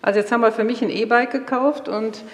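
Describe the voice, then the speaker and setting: A woman's voice: fairly high pitch, fast. Middle-aged woman telling stories in a roomy hall. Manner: lively storyteller, acts out quoted dialogue. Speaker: speaker sharing marriage stories. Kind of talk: storytelling talk to an audience. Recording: roomy hall with long reverb.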